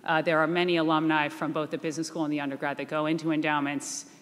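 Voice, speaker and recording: A woman's voice: sits low, little pitch movement, quick pace. Poised woman speaking in an echoey hall. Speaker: chief investment officer. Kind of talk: panel answer. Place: reunion event hall.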